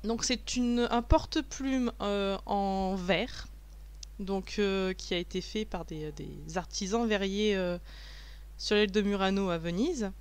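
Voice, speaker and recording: An adult woman, mother of a young child, narrates her package-unboxing video in a voice-over recorded afterwards rather than while unboxing. Her voice is medium-pitched, slow and smooth, and she chats in a self-mocking way, with many fillers and restarts.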